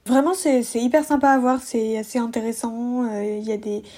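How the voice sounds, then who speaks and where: A woman's voice: on the high side, fairly even intonation, brisk, dark tone. A young woman chatting casually about her travel tips, talking in a loose, friendly way with many fillers and restarts. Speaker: travel podcaster.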